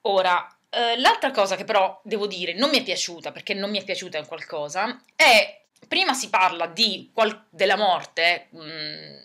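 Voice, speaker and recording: A woman's voice: medium pitch, expressive, normal speed, hardly any pauses, sharp tone. A woman giving a casual book review vlog, chatting and thinking aloud as she goes. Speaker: book vlogger.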